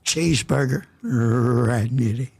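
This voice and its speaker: A man's voice: mid-range voice, slow, vocal fry, darkish tone, husky. A man chatting as a podcast guest, playful and sing-song, slipping into rhyming baby talk. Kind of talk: casual comedic chat in character.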